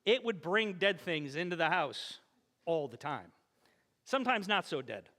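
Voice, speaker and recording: A man's voice: a little high, unhurried. A male pastor preaching a conversational sermon in a church sanctuary, telling stories and acting out quoted speech. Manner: animated storytelling, acts out quoted speech. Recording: echoey church hall.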